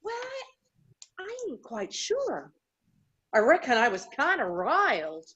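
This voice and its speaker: A talkative farm woman for a radio play. Her voice is high and jumps around a great deal. She is folksy and flustered, stumbling eagerly along in rustic dialect. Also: huge pitch swings, takes it slowly, a bit bright, highs cut off, heavily acted.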